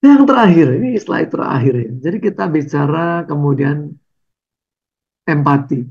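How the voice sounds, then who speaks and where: A man's voice: a little high, expressive, normal speed, gravelly, darkish tone, slightly rough, dull audio. A man preaching a conversational sermon over slides, tagging his phrases with "ya" and "gitu".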